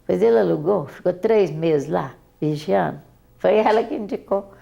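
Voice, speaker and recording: An older woman with a Brazilian accent recalls her daughter in an oral history interview, halting and often repeating words. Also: lowish voice, gravelly, warm tone, lo-fi sound.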